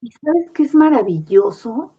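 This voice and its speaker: A woman's voice: fairly high pitch, animated, unhurried, husky. A woman, a guest on a talk program, explaining grief in an earnest, reassuring way. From Mexico. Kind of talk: conversational advice on a talk program. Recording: muffled lo-fi sound.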